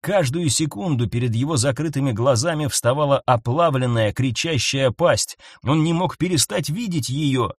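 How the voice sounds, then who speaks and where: A man narrating a science-fiction audiobook in a tense, measured reading style, recorded close to the mic. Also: mid-range voice, no echo.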